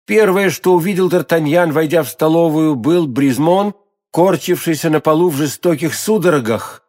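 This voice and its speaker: Brief: expressive male audiobook reader, fairly high voice, dramatic novel narration. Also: normal speed.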